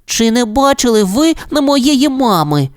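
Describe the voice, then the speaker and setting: A narrator voicing an excitable little male corgi puppy in a storybook, asking eager, high questions. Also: normal speed, dry recording, clean studio sound, lightly acted. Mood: worried. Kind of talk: storybook character voice.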